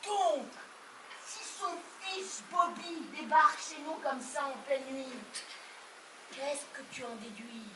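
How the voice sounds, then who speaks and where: A woman on a theatre stage playing a bossy, exasperated mother of the bride who shouts and interrogates. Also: high voice, steady tone, slow. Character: bossy, frantic middle-aged mother of the bride. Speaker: stage actor. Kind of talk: live stage comedy acting. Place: farm theatre stage, live audience. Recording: echoey room, far off, faint hiss.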